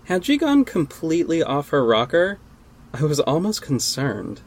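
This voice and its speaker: A man with a fairly high voice and huge pitch swings narrates and stars in a first-person audio drama as a guarded, sardonic costumed vigilante, heartbroken and stubborn. His delivery is measured, terse and exasperated, his mood wry and brooding. Slight background noise is present.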